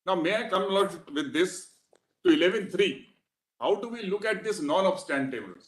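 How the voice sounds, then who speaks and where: A man's voice: sits high, expressive, moderate pace. A man arguing formally and deferentially before judges in a courtroom, addressing the bench as "my lord.". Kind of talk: courtroom argument. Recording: roomy courtroom sound.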